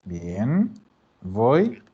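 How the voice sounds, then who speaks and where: A man's voice: mid-range voice, wildly swooping pitch, very slow, breathy edge, lo-fi sound. A man teaching an online language class, explaining patiently and often checking that students follow. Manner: patient, repeats and checks understanding with "¿ya?". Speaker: Italian teacher.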